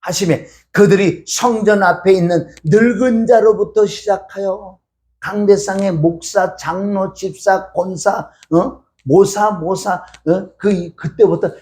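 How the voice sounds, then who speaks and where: A middle-aged man preaching a sermon as a pastor, telling a story in an animated way and acting out scolding voices. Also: sits high, slow.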